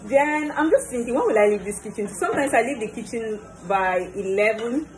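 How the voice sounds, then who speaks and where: Brisk and animated, her voice a little high, a young cooking vlogger with a Nigerian accent chats to her phone at arm's length. The casual vlog is recorded in a small home kitchen with noisy ambience in the room.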